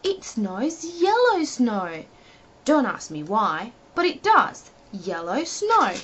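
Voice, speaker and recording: Animated, high-voiced woman reading a storybook. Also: slow, slight background noise. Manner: animated, addresses the young listener with rhetorical questions. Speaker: storyteller reading a children's book. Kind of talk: expressive storybook narration. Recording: dull lo-fi home recording.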